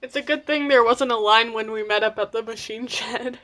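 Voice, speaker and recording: A tired teenage girl chats on a podcast in a fairly high voice. She mostly answers her co-host with short, dry, teasing quips. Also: a little fast, fairly bright tone. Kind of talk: casual chat.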